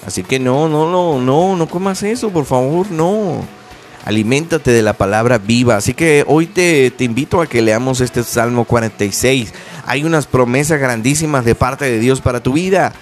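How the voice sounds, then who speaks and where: Radio preacher exhorting listeners. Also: male voice, mid-range voice, normal speed, faint music behind. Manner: earnest, exhorting, direct address to listeners. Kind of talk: radio sermon.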